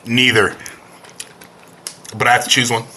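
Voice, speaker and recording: A man's voice: mid-range voice, level tone, a little slow, pushed and bright, slight background noise. A man co-hosting a casual podcast, joking around, swearing freely and laughing a lot. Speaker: podcast co-host.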